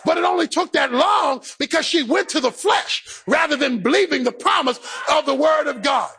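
With a very high, lively, pushed and bright voice raised to a shout, a pastor preaches at normal speed. His sermon climbs in a half-sung chant, and he calls out lines while impersonating the people in his story, among them the believer's inner voice.

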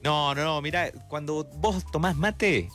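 Joking Argentine male co-host, slightly high and very animated, quiet music underneath. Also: measured pace. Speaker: radio co-host. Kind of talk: playful banter.

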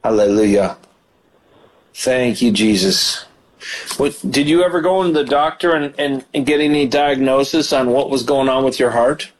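A pastor hosting a radio ministry call-in show prays fervently over callers, frequently calling out hallelujahs. His voice is mid-range and moves at a moderate pace.

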